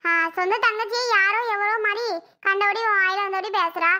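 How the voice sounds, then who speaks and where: A squeaky-high cartoon young woman, blunt and a little bossy. She consoles by scolding, with a bright, edgy tone. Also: steady tone, normal speed. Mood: consoling. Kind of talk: cartoon voice acting.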